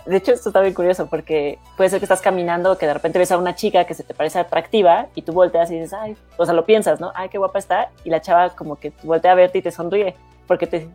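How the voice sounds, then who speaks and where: A woman's voice: on the low side, fairly even intonation, quick pace, few pauses, dark tone, faint music behind. A woman with a Mexican accent, chatting casually and hesitantly with lots of fillers. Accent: Mexican Spanish. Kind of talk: casual chat.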